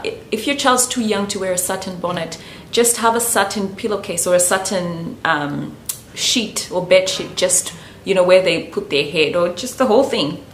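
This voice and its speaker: A woman's voice: on the low side, fairly bright tone, a little hiss or hum. A woman from Zambia, giving casual hair-care advice to camera in a chatty, loose way, often saying "you know". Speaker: natural hair vlogger. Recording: echoey room, faint background ambience.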